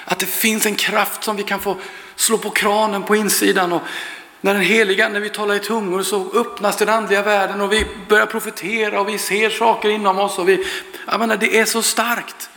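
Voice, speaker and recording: A fervent male preacher with a high, bright voice leads a prayer and tells a story in an earnest, chatty way. His voice rings through a large church hall with a long, echoing reverb. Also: little pitch movement.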